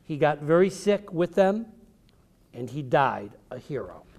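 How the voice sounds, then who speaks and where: An American man, an author and speaker, tells a story to children at a public library event, keeping it encouraging and theatrical with simple, emphatic phrases. His voice sits on the high side with big swings in pitch, an unhurried pace and a darkish tone.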